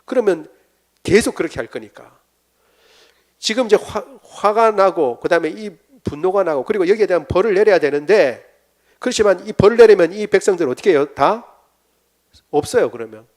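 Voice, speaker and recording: A man's voice: high voice, expressive, fairly quick, a little mellow. A man preaching at a church prayer seminar, often asking his listeners questions and acting out the lines of biblical figures. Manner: asks the congregation questions and acts out quotes. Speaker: pastor. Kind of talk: sermon seminar teaching.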